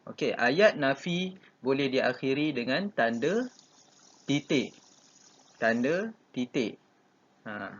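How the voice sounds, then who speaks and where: A man's voice: mid-range voice, slightly rough, highs cut off. A man with a Malaysian Malay accent teaching a recorded online class, patient and repeating key phrases with many short fillers. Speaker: religious school teacher.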